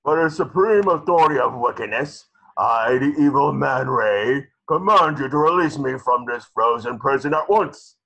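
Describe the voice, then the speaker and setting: A man voicing a pompous, scheming sea-monster supervillain with a gravelly, husky voice in a cartoon table reading. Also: mid-range voice, animated, moderate pace, sharp tone, full character voice, rough recording. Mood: menacing. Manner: pompous, theatrical.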